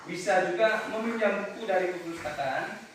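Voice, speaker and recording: A man's voice: sits high, moderate pace, fairly bright tone. A man teaching a class of pupils, asking questions and repeating himself with many restarts and "ya" tags. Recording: echoey, from far off, noisy.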